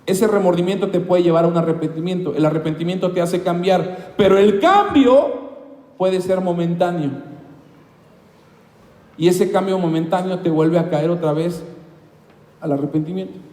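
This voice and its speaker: A male pastor preaching an impassioned sermon, swinging between loud highs and quiet lows. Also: normal speed, long pauses, reverberant, big-room sound. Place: church.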